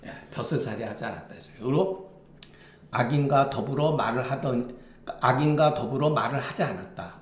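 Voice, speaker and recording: A man's voice: medium pitch, moderate pace, roomy sound. A man lecturing on a classical Chinese text, reading lines aloud and then glossing them plainly, with frequent affirming asides. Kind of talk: explaining a classical text line by line.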